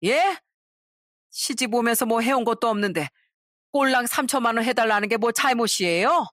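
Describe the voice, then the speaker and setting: A woman's voice: a little high, moderate pace, fairly bright tone, no room sound, studio quality, lightly acted. A woman voicing a greedy, melodramatic middle-aged mother-in-law who whines and wails theatrically. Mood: indignant. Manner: whining, wailing, theatrical.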